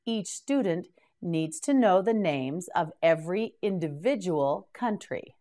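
Slow, lively-toned woman teaching English words. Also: on the low side. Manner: patient, encouraging, prompts learner to repeat. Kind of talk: slow drilled word repetition.

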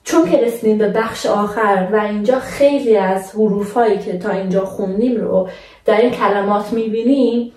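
A young woman teaching a language lesson in a patient, casual way, slowing down to model words for her viewers. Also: mid-range voice, a little mellow, echoey room, distant mic.

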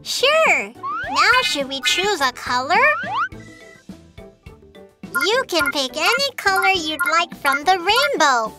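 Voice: very high-pitched, big pitch swings, slow pace, long pauses, exaggerated voice. A performer voicing a cheerful young baby shark dentist in a preschool cartoon, speaking simply and reassuringly. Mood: upbeat, helpful. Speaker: cartoon doctor character. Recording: music under the voice.

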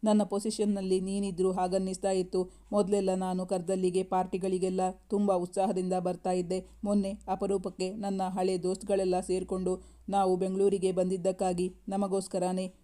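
Storyteller doing a soft pleading young husband, flat even tone, really mellow. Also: male voice, high voice, close to an everyday voice. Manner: coaxing, affectionate.

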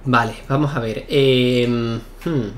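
A young man giving excitable live commentary while playing a tennis video game, shouting at key points. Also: medium pitch, slow pace, a little hiss or hum. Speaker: gaming YouTuber.

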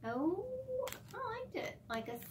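A woman tasting candy off-camera, giving short, quiet replies. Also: very high-pitched, big pitch swings, a little slow. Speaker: vlogger's mother, off-camera taster. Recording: distant off-mic with clear background noise.

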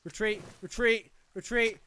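A young man from Wales, speaking with a Welsh accent, streams a survival game from a small room at home using a headset mic. Excitable and joking, he talks to both the game and his chat in a high, smooth, unhurried voice as live gameplay commentary.

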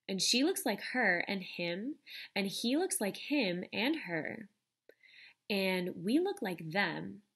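A young adult woman who teaches reads a picture book to a young audience with deliberate expression. Her mid-range voice is gravelly and slightly rough.

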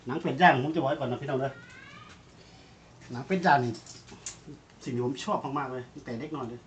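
Isan Thai man, mid-pitched, chatty outdoor cooking vlogger, faint background noise. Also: fast talker. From Northeast Thailand. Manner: chatty, addresses viewers as brothers and sisters. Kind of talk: casual cooking vlog talk.

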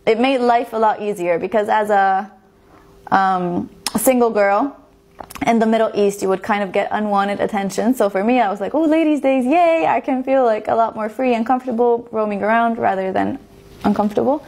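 Speaking at a normal pace in a slightly high, somewhat mellow voice, this Estonian woman in her twenties chats through a personal story for her video blog. She's a native Estonian speaker who repeats words to stress them.

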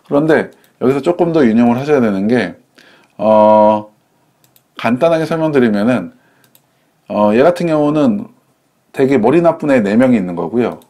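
A man's voice: mid-range voice, expressive, moderate pace, pauses often, mellow. A man casually reviewing budget laptops, chatty, often correcting himself mid-sentence and explaining with simple analogies. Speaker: tech reviewer.

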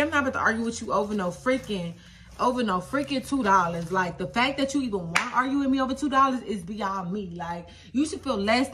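A young woman, telling a story in a casual vlog, animated and repeating phrases in incredulous high-pitched bursts. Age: young adult. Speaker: vlogger.

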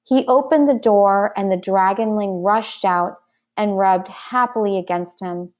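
Woman narrator for a children's chapter book, slow and careful, mid-pitched. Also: darkish tone. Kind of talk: reading a children's book aloud.

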